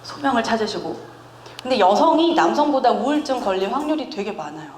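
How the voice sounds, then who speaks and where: A woman in her thirties preaches in a chatty, animated way, laughing often and teasing her listeners. Her voice sits fairly high. It rings through an echoey church hall, with a faint hum of ambience behind her. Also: a little fast. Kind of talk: conversational sermon. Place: church sanctuary.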